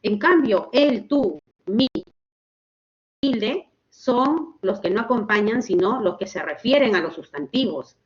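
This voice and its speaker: A woman teaching a grammar lesson online, explaining slowly and checking in with her students. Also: a little high, lively intonation, dull audio. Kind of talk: online class lecture.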